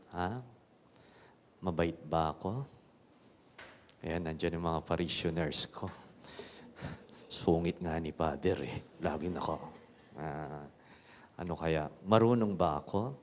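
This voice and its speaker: Slow deep-voiced priest, cathedral echo. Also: male voice, a little hiss or hum. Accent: Filipino. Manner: measured, solemn proclamation that turns to joking self-mockery in the homily. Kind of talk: proclaiming a gospel reading and preaching a homily. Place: large church. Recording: long echoey church reverb.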